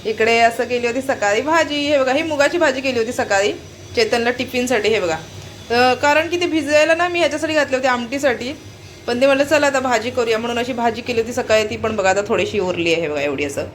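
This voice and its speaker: A woman's voice: a little high, fairly quick, a little hiss or hum. A woman from Konkan chatting at home as a family vlogger, talking straight to her viewers and keeping them looking at what she shows. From Konkan, Maharashtra. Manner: chatty, keeps calling viewers to look. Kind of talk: casual vlog chat to viewers. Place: at home, in the kitchen.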